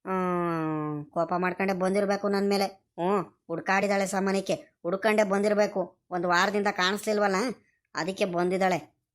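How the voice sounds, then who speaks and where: A gentle, dutiful young farm lad from a village cartoon, voiced by a woman. He speaks in a mid-pitched voice with a rural Karnataka Kannada accent. He explains himself softly and pleadingly. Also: steady tone, normal speed, close to an everyday voice. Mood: worried. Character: poor young male farm boy and student, gentle and dutiful. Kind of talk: animated cartoon voice acting.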